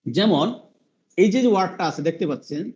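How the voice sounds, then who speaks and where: Man teaching, high voice, patient, repeats sounds, dull call audio. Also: animated, a little mellow. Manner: patient, repeats sounds slowly, asks the class questions. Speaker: English teacher. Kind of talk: online class teaching pronunciation.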